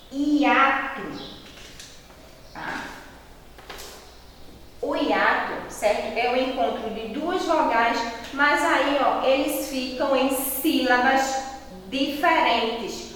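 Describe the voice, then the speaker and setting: A Brazilian schoolteacher speaks to her young pupils at a slow, deliberate pace, drawing out key words and checking in again and again. Her voice sits a little high for a woman. It comes from some way off the mic in a hard, echoey room with a long reverb tail. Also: a bit bright, distant mic, a little hiss or hum. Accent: Brazilian Portuguese. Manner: slow, patient, drawn-out explanations with frequent checks. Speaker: primary school teacher. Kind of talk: remote lesson for young children.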